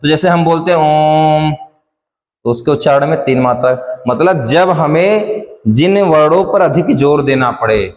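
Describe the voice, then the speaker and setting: A man teaching Hindi grammar in a classroom lecture, drilling definitions step by step and repeating key phrases. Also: fairly high pitch. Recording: echoey room with long reverb.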